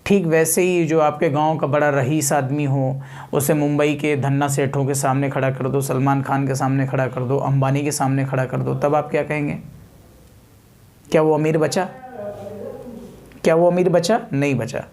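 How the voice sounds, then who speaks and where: His voice is fairly high, a little mellow and fairly flat in pitch, delivered at normal speed. Leading an exam prep lecture in physics, he illustrates points with daily-life examples, restates important terms, asks questions he answers himself and slips in English technical words.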